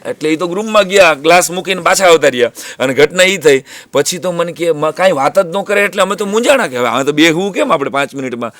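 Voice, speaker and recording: A man gives a lively storytelling talk to students and parents. His voice sits a little high. The sound is dry and close, with no room echo. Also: quick pace. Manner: lively storytelling, drops to a hush when acting out whispers. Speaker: teacher and guest speaker.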